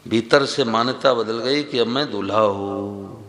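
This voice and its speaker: A man's voice: on the low side, measured pace, fairly bright tone, a little hiss or hum. A man giving a devotional satsang discourse as a spiritual teacher, telling stories and acting out the dialogue. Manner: storytelling, acting out quoted dialogue; addresses listeners directly.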